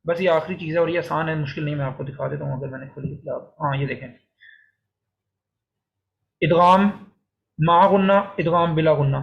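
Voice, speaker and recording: A man teaching Quran recitation rules, explaining step by step and reciting verses slowly, then repeating them. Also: a little high, vocal fry, muffled recording. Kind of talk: recorded online lesson on Quran recitation rules.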